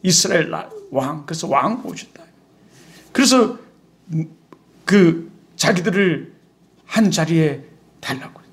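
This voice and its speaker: A male pastor preaching a sermon in an animated, conversational way with rhetorical questions. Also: on the high side, takes it slowly, long pauses.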